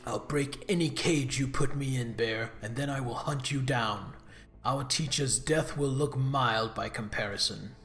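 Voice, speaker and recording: A man's voice: mid-range voice, a little slow, fairly bright tone, pitched below the performer's own voice. A haughty noblewoman villain from a video game, acted out by a man, menacing and vengeful like a mustache twirler. She speaks in grand, arrogant threats over music. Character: captured arrogant noblewoman villain, vengeful, fanatically loyal to father. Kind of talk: reading video game dialogue aloud.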